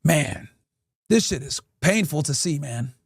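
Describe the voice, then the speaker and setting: A man's voice: fairly high pitch, animated, a little slow, creaky, slight background noise. A podcast host, a man, delivering crude, profane, preachy commentary and speaking straight to his chat. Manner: addresses chat directly. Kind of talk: ranting commentary.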